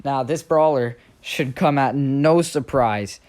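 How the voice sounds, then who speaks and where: A man's voice: medium pitch, takes it slowly, darkish tone. Casual man counting down a gaming list. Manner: casual, chatty, self-deprecating. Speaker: gaming video host. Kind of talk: listicle countdown commentary over gameplay.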